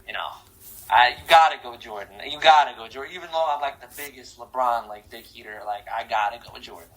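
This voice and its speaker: A man from Croatia, a guest in a casual rapid-fire this-or-that interview, talking in an animated, slangy way with lots of "bro" and "like". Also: mid-range voice, poor audio.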